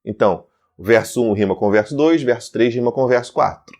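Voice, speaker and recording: A Brazilian man teaches in a lively way, going through each term in a steady rhythm. He keeps checking in with students as he talks. His voice sits at an ordinary middle pitch. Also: fast talker. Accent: Brazilian Portuguese. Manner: lists terms one by one in a steady rhythm. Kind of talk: explaining poetic verse forms to students.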